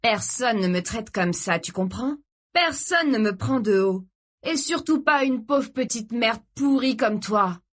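A woman voicing a volatile, jealous young man who shouts and snarls vulgar threats. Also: medium pitch, a little slow, husky. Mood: furious shouting.

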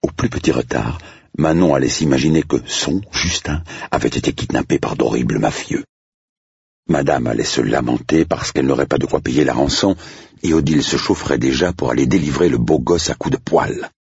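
Very deep, gravelly male audiobook narrator. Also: fairly quick, darkish tone, dry recording. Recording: dull, dry lo-fi recording.

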